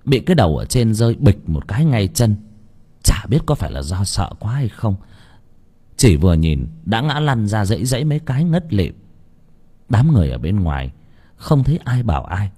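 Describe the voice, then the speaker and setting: A man narrating an audiobook story with a dramatic, expressive delivery. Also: fairly low pitch, husky.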